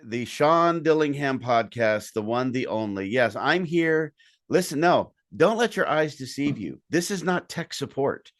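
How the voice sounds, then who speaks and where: A man's voice: medium pitch, moderate pace, hardly any pauses, dry recording, clean studio sound. A man hosting a podcast, chatting casually and joking with his guest over a video call. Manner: joking, animated storyteller. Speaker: podcast host. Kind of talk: casual interview chat.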